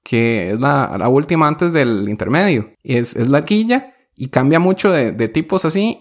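A young man with a Costa Rican accent chatting casually and animatedly, laughing often. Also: fairly high pitch. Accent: Costa Rican Spanish. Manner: animated, laughs often, quotes lyrics in English. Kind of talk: casual chat about a musical.

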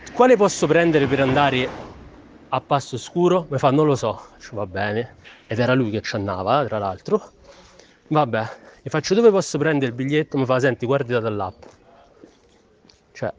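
A man with a Roman accent telling an angry storytime rant, swearing and quoting people in quick bursts. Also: medium pitch. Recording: faint background noise.

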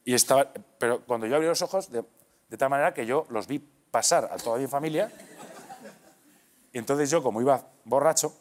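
A man's voice: mid-range voice, a little fast. A man as a guest telling a casual anecdote in an interview, laughing and restarting his sentences.

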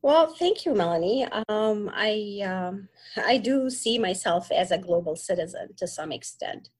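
Woman guest from the middle east, husky voice, lots of ums and restarts, mid pitch. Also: animated, unhurried, darkish tone. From Middle East (born in Kuwait, raised in Egypt). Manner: hesitant, many fillers and restarts. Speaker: podcast guest. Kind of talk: casual interview talk.

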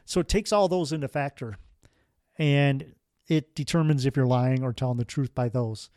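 A man's voice: medium pitch, normal speed, warm tone, no room sound, studio quality. A man hosting a podcast, telling a strange story in a casual, rambling way with wry asides. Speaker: podcast host.

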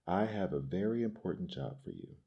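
A man's voice: deep voice, expressive, fairly quick, husky, muffled recording, heavily acted. A man voicing a grave, commanding male sky god in a storybook folktale. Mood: solemn.

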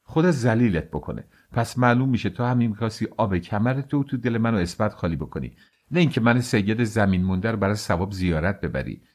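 A man voicing a foul-mouthed, sharp-tongued older woman pilgrim who curses and scolds. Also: fairly low pitch, expressive. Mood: cursing.

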